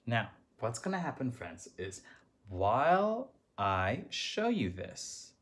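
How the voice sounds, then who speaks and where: A man's voice: mid-range voice, huge pitch swings, slow. A man teaching third graders a music lesson, chanting rhythm syllables and encouraging the children.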